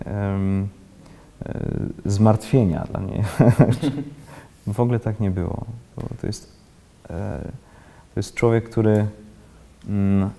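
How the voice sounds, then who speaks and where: In a casual interview, a guest actor in his thirties who grew up in Switzerland sits in an armchair in an indoor library with bookshelves. Searching for words, he talks haltingly and restarts often, his fairly low voice creaky and warm with a long reverb tail.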